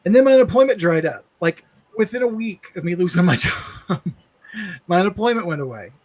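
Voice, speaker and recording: A man co-hosting a livestream, telling a personal story in an earnest, halting way with many restarts. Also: high-pitched, animated, darkish tone. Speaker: livestream co-host.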